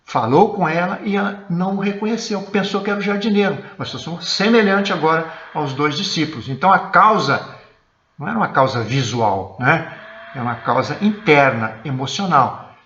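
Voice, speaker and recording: A man's voice: on the high side, animated, brisk, a bit bright, echoey room, dull audio, slight background noise. A man with a Brazilian accent, a church elder teaching a sermon for an online service and often checking in with his listeners. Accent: Brazilian Portuguese. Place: church, indoors.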